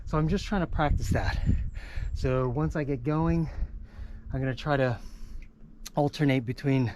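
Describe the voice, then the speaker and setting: An out-of-breath man talks casually outdoors on a lake, pausing as he explains a technique he is practicing. His voice sits at an ordinary middle pitch, and his delivery is loose and conversational. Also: a little mellow, slight background noise. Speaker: foiling vlogger.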